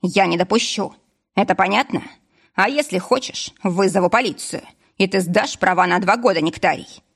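A woman's voice: medium pitch, moderate pace, husky. A woman reading an audiobook voices a stern former police officer who speaks firmly and curtly. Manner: firm, commanding, curt.

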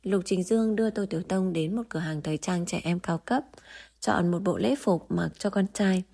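A woman narrates a romance novel at an even, steady storytelling pace. Her voice is warm, dark-toned and mellow, and her reading holds one calm tone throughout. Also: lowish voice, moderate pace, vocal fry, breathy edge. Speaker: audiobook narrator. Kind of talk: scripted narration.

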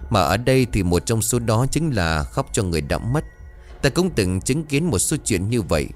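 Guy doing a stern old ritual master in a ghost story, low voice, warns gravely. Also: big pitch swings, moderate pace, faint music behind. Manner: solemn, warning.

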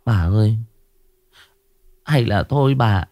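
A man's voice: lively intonation, takes it slowly, a little mellow, no echo, clean studio sound. A man voicing a frightened young bride who pleads tearfully with her grandmother. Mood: tearful pleading. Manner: pleading, tearful, raised pitch.

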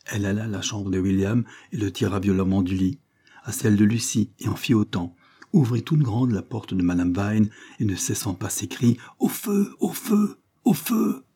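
A man reading a novel aloud as an audiobook narrator, in a measured, even way. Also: fairly low pitch, husky. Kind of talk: scripted narration.

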